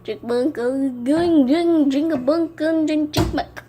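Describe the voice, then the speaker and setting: A woman putting on a high, squeaky chipmunk voice in a silly, sing-song way during a casual home vlog. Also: takes it slowly, background noise. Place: dining room at home.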